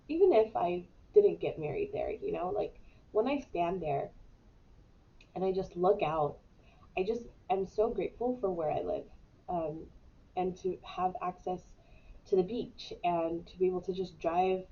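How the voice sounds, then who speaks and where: A woman in her thirties, congested with a stuffy cold, hosts her weekly live show and chats casually on the stream, rambling with lots of fillers. Her voice sits on the low side, and the recording is muffled with slight background noise.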